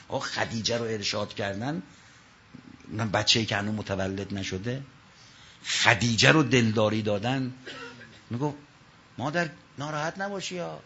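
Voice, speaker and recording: A man preaching a religious sermon from the pulpit, telling stories and swinging between loud calls and low asides. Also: slightly rough, muffled recording.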